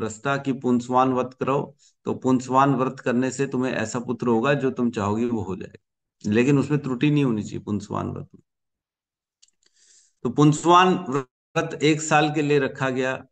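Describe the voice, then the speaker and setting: A man teaching a scripture class, telling a story with questions and asides to the class. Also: mid-range voice. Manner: chants verses for the class to repeat.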